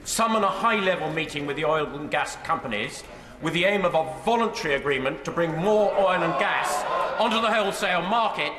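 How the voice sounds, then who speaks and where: A man's voice: fairly high pitch, animated, a little fast. A man delivering a formal, prepared parliament speech as a member putting a question. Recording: echoey chamber with crowd noise.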